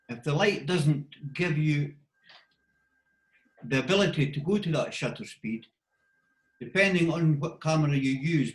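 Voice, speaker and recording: Scottish male guest, plain-spoken practical advice, echoey video-call sound. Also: on the high side. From Scotland. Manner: practical, step-by-step advice with short instructions. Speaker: wildlife photographer guest. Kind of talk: casual explanatory interview talk.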